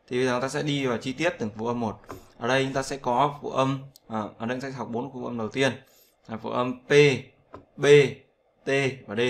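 A man's voice: medium pitch, vocal fry, fairly bright tone, slight background noise. A man teaching English pronunciation in Vietnamese, repeating sounds and often checking with "right?". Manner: repetitive, drills sounds, asks "right?" often. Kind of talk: casual spoken lesson.

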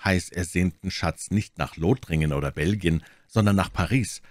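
A bold, impetuous young swordsman, played by a male reader in a storybook reading. He speaks with confident drive, lifting his voice above the reader's deep own tone. Dry, close sound. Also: no room sound. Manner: confident, urging, quickly excited.

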